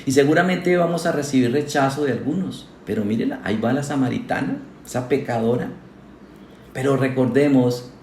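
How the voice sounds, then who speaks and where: A man's voice: medium pitch, darkish tone, a little hiss or hum. A man, a pastor, preaching a sermon to his congregation, earnest and asking them questions directly. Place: church hall. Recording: echoey church hall.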